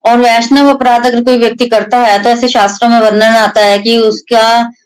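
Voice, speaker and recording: A woman's voice: a little high, level tone, moderate pace, clear, resonant tone, no room sound, poor audio. A young woman giving a devotional storytelling talk at a satsang, acting out the quoted lines and mixing in English words. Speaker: satsang speaker.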